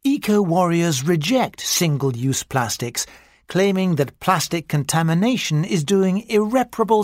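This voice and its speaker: A narrator reading a mock-serious nature documentary script for a listening exercise, in a measured, scripted delivery. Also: medium pitch, dry recording, studio quality.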